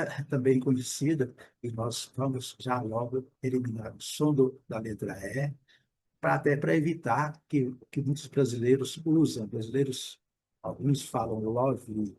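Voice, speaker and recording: Husky man teaching pronunciation slowly. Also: mid-range voice, a little mellow. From Brazil. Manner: patient, repeats words slowly, self-corrects. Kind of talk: explaining pronunciation with repeated examples.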